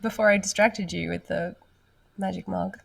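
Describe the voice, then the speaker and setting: Teasing woman, gravelly voice. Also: on the low side, fairly even intonation, normal speed, far from the mic. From Australia. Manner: teasing, laughs often. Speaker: co-host, board game designer. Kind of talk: casual chat. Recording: dry, a bit off-mic.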